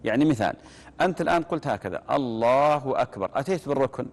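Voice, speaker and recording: A man giving religious instruction on prayer, repeating key phrases and demonstrating them slowly. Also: medium pitch, animated. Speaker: religious teacher. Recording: long reverb.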